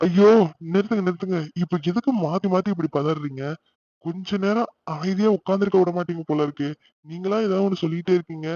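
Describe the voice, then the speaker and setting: A man voicing a young husband just home from hospital in a cartoon, reassuring but quickly exasperated by fuss. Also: high-pitched, a little mellow. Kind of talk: cartoon voice acting. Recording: dull lo-fi recording.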